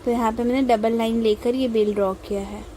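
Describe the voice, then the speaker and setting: Poor audio with a light hiss carries the voice of a young Indian woman hosting a mehndi tutorial. She draws as she explains, moving slowly and patiently with many pauses. Her pitch is a bit high, yet the tone is warm and mellow instead of bright.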